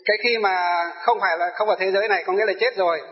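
Male storyteller, high-pitched and emphatic, echoing phrases for an audience; long reverb, dull lo-fi. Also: fairly even intonation, very fast, a little hiss or hum. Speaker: spiritual master telling his life story. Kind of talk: personal testimony to an audience.

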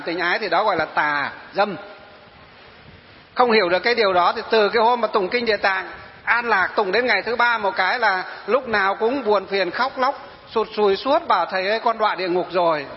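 A man, a Buddhist monk, giving a dharma talk, telling stories of his followers and asking rhetorical questions. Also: high-pitched. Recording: dull lo-fi hall recording.

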